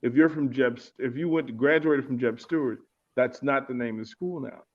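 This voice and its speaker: A man with a medium-pitched voice and moderate pace, from Arlington, Virginia, talks as a guest in a casual interview. He's reflective, echoing his own words as he gropes for phrasing, and the recording is muffled and lo-fi.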